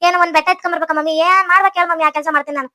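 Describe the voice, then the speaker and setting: An eager young son in a cartoon, boasting he will do anything asked, voiced by a woman. North Karnataka Kannada accent, very high and fast, dry and close. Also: steady tone, sharp tone, no echo.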